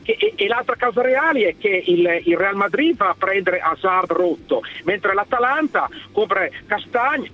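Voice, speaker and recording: A man's voice: sits high, animated, normal speed, hardly any pauses. A man calling in to a radio show over the phone, indignant and hammering the same point again and again. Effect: heard over the phone. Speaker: caller. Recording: tinny phone line.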